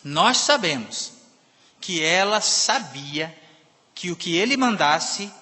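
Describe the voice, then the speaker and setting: Man, preacher, sermon, emphatic, loud and soft swings, long church reverb. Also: high-pitched. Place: church sanctuary.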